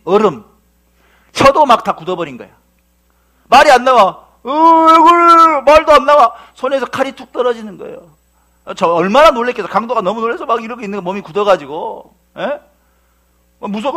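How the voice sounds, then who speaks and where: High-pitched guy preaching, super animated, asks the crowd stuff then answers it himself. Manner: lively storytelling, asks and answers his own questions. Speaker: pastor. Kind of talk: sermon.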